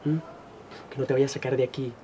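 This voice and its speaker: An actor playing an apologetic lover who tenderly begs for trust, in a telenovela. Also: male voice, medium pitch, flat delivery, fast, mellow, a little hiss or hum, close to an everyday voice. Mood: pleading. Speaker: Abel, Cira's lover. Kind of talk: telenovela acting.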